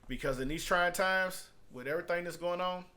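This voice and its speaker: A man who is a product reviewer and online marketer talks in a casual vlog review style with a high, sharp-toned voice, slightly fast. He is conversational and emphatic, repeating phrases to drive his points home.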